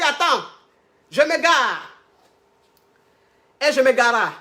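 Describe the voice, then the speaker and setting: A woman relationship coach tells a story in an animated way, repeating herself and acting out quotes. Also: sits high. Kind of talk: storytelling monologue.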